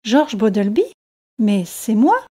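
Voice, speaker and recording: A woman's voice: on the high side, measured pace, dark tone, close to an everyday voice. A woman voicing a retired old Englishman, a tall, thin, kindly fisherman with an easygoing manner. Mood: friendly.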